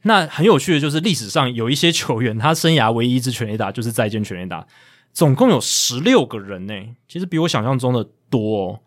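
A man's voice: mid-range voice, lively intonation, fast. A man with a Taiwanese Mandarin accent, hosting a casual sports chat and reading out statistics with asides. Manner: reads out stats, explains, with asides. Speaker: podcast host.

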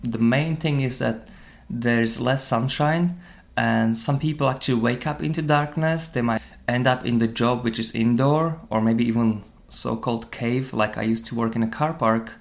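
A man's voice: mid-range voice, normal speed, gravelly. A man from Slovakia who speaks English as a second language, a personal trainer telling his story in an interview in a thoughtful way with many fillers. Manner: non-native phrasing, thoughtful with many fillers.

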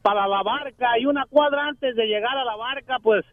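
A man with a Mexican accent calls in over a tinny phone line. He rambles and stops often as he talks. His voice is very high and sounds dry. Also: no echo. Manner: rambling, halting. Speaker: caller.

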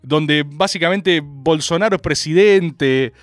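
A man's voice: a little high, a little slow, dry recording, clean studio sound. A young Argentine man with a Rioplatense accent hosting a comic political monologue, rambling and ironic, laughing at his own jokes. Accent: Rioplatense Spanish.

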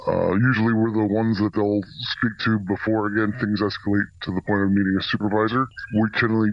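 A man working as a corrections officer answers radio interview questions in a plain-spoken, halting way, his voice disguised to sound deeper. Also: fairly even intonation, no room sound, lo-fi sound. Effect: voice disguised to protect anonymity, deepened. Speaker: corrections officer, senior officer specialist.

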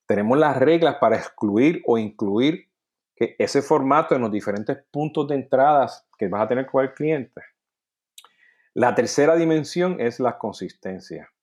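A man talks through a topic in a teaching manner. His pitch sits in the middle of the usual range, and he keeps checking in with "ok?" and "no?" as he goes. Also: expressive, unhurried, a little mellow. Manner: peppers sentences with "¿ok?" and "¿no?", restarts words. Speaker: data quality speaker. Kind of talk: explanatory talk.

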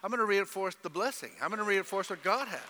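A middle-aged pastor preaches with a bright, forceful voice and a slightly high pitch. He swings between loud emphasis and low, pointed asides, now and then mimicking people in an exaggerated voice. The sound carries a long church-hall reverb. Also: animated, quick pace, a faint crowd. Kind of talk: sermon.

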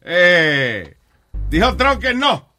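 A man's voice: sits high, extremely slow. A man hosting a radio show, joking around with co-hosts and putting on mock newscaster lines. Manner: animated, mock newscaster bits, laughs a lot.

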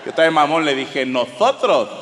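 A Mexican man with a Mexican accent doing stand-up, his voice pitched high for a man, delivering a profane, animated story. He is heard in a reverberant live hall, with a crowd and steady noise around him. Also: moderate pace. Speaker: comedian. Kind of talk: stand-up comedy. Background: audience laughter and murmur.

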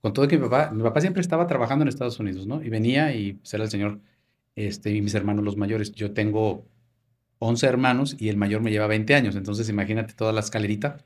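A man's voice: on the low side, quick pace. A Mexican man in his fifties, a podcast guest telling family stories in casual conversation and acting out old dialogues. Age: 50s. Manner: storytelling, reenacts family dialogue. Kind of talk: casual interview chat.

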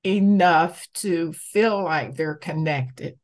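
Woman from georgia in an interview, kinda low voice, really slow and deliberate, conversational. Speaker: interviewee, community campaigner.

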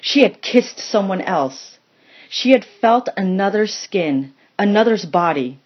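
A woman reads a dramatic story aloud, slow and measured. Her voice sits at an ordinary middle pitch. The recording is dull and lo-fi. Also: expressive. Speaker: story reader. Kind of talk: scripted narration.

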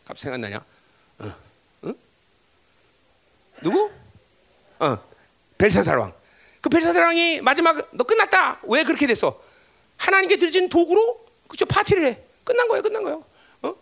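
A man's voice: huge pitch swings, normal speed, creaky, pauses often, a bit bright. A man preaching a sermon, emphatic, constantly asking the congregation for agreement. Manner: emphatic, pitch swinging widely, constant tag questions to the congregation. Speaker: pastor.

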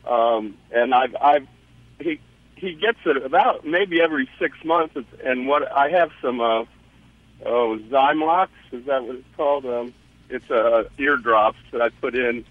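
A man's voice: medium pitch, dry recording. Hesitant male caller on a muffled phone line. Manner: hesitant, halting, laughs easily. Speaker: caller, truck driver. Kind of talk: phone-in call.

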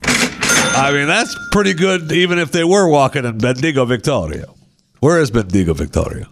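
A man's voice: medium pitch, lively intonation, normal speed, fairly bright tone. A man co-hosting a casual chat show, reading odd news stories aloud, laughing often and putting on mocking voices.

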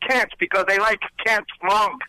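A man's voice: high-pitched, steady tone, moderate pace, bright, forceful tone, clean tone, dry recording. A man from Romania calling in to a radio talk show, telling a personal story earnestly over a phone line. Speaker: caller.

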